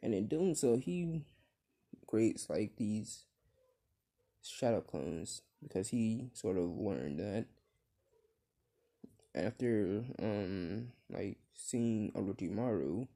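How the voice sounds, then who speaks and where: A young man improvising a fan-fiction story out loud, rambling with many fillers and restarts. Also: on the low side, animated, slow pace, pauses often.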